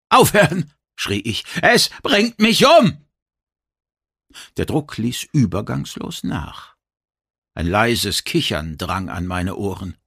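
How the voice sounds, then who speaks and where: A man reading a first-person story aloud in a dramatic, expressive narration style. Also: on the low side, creaky, husky, no room sound, studio quality. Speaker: audiobook narrator.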